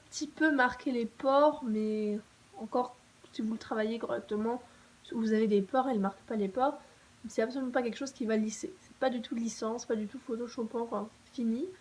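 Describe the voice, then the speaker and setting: A woman's voice: a little high, darkish tone, rough recording. Chatty young woman reviewing makeup. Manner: chatty, enthusiastic, frequent fillers and restarts. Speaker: beauty vlogger. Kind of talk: casual product review to camera.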